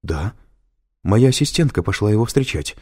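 A man's voice: fairly low pitch, big pitch swings, normal speed, darkish tone, husky, pitched above the performer's own voice. A man reading an audiobook, voicing a frightened, insistent woman scientist in a raised, urgent voice. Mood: alarmed. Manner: urgent and alarmed.

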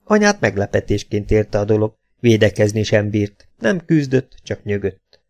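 A man narrating an audiobook in a low, measured storytelling tone. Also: big pitch swings, a little mellow.

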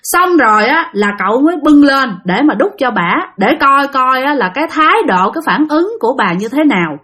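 A woman telling a spooky tale in relaxed, conversational style. She has a high voice and keeps turning to address her listeners directly. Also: a little fast. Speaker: storyteller. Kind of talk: casual spoken ghost story.

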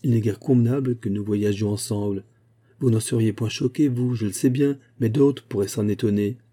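Male reader voicing a desperate, pleading young storybook prospector, husky low tone. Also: fairly even intonation, moderate pace, warm tone, close to an everyday voice. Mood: protesting. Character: young despairing man of twenty-six, restless.

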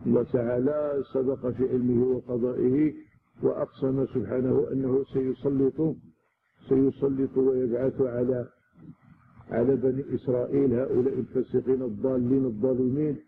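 Gravelly Moroccan man teaching scripture. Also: mid-range voice, little pitch movement, a little fast. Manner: explanatory, repeats key words for emphasis. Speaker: religious teacher. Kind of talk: scripture commentary lesson. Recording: tinny lo-fi recording with loud noise.

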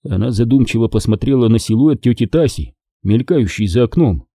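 A man narrating an audiobook with expressive reading. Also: mid-range voice, brisk, no echo, clean studio sound. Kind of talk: scripted narration.

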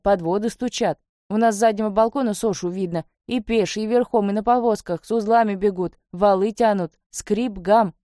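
A woman's voice: medium pitch, mellow, dry recording, studio quality. A woman reading aloud a first-person story told in folksy, plainspoken narration. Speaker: audiobook reader.

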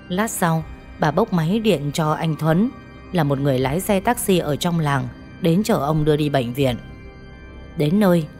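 Low-voiced woman narrating a ghost story. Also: darkish tone. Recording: faint background music.

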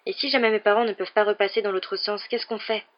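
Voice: medium pitch, fairly even intonation, fast, highs cut off, close to an everyday voice. Narrator doing an eager young boy wizard. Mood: worried. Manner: eager, urgent, voice jumping up. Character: excitable red-haired boy wizard, twelve, impulsive. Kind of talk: audiobook character voice.

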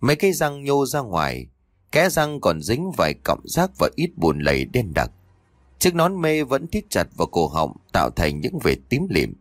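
Male audio story narrator, lively dramatic pitch, dry close sound. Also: normal speed, no echo. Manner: dramatic, expressive reading.

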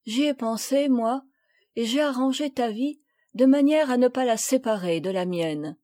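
A woman reading the part of a gentle older father, speaking calmly and kindly. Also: a little high, moderate pace, lightly acted. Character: gentle older male father, naval officer.

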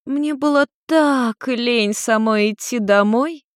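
A woman's voice: a little high, slow pace, smooth, no room sound, studio quality, voice pushed up. A woman putting on a tipsy, teasing witch mother. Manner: slurred, drawling, teasing.

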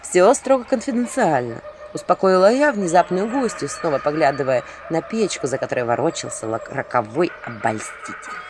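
A woman's voice: sits low, animated, brisk, hardly any pauses, background noise. Woman narrating a wry audiobook. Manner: wry, ironic storytelling. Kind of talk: first-person scripted narration.

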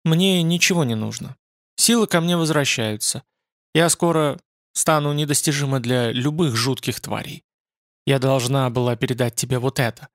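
A man's voice: medium pitch, normal speed, a bit bright, no room sound, clean studio sound, natural voice. A man voicing a grave, proud female spirit being who speaks in a solemn, reserved way.

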